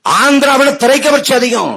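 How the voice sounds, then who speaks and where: A man giving a political speech, mocking and sarcastic, with rhetorical questions that build to shouts. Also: very high voice, expressive, moderate pace, vocal fry, rough recording. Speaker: political speaker.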